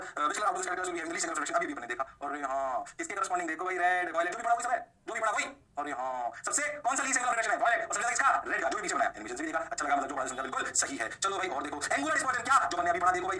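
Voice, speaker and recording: Male physics teacher, high and very bright voice, quick classroom delivery, mic at a distance. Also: a little hiss or hum. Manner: mixes Hindi and English, answers his own questions in a lowered voice. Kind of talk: lively classroom lecture.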